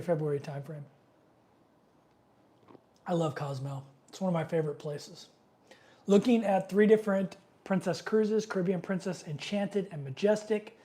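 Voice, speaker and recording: Hosting a relaxed live Q&A stream while fighting a cold, a middle-aged man sniffles between thoughts. He has a high, mellow voice. His talk is loose and rambling with frequent fillers, and he reads viewer comments out loud.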